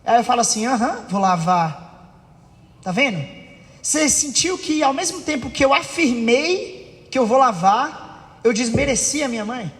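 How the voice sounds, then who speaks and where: In a church hall with long reverb, a man delivers a sermon in a very high, slightly bright voice with lively intonation at a moderate pace. He acts out family quarrels with a raised voice and asks the congregation to agree with him.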